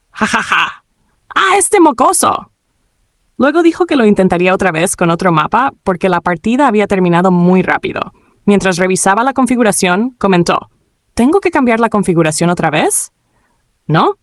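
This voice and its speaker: A woman giving scripted narration, reading quoted lines in a brighter, livelier voice. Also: mid-range voice, no echo, studio quality.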